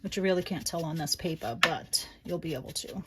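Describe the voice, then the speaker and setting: Against heavy background noise, a deep-voiced woman with a Boston accent chats casually, animated and fairly quick, as she walks through a crafting project. The crafting channel host, from the Boston area, USA, thinks aloud in this casual tutorial chat and slips into quiet asides.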